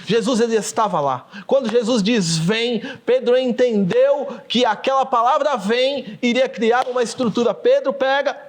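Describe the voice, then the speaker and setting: Livestreaming in front of a camera, a Brazilian-accented male pastor delivers a passionate sermon, addressing viewers as "queridos" (dear ones) and dramatizing scripture. He speaks in a very high voice at a moderate pace, with few pauses.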